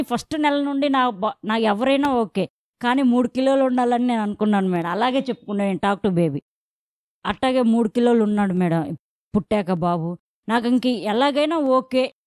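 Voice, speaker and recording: A woman's voice: medium pitch, a little mellow, no room sound, studio quality. A young woman, earnestly recounting her pregnancy as an interviewee. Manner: addresses interviewer as madam constantly, earnest. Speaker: patient interviewee. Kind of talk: interview testimony.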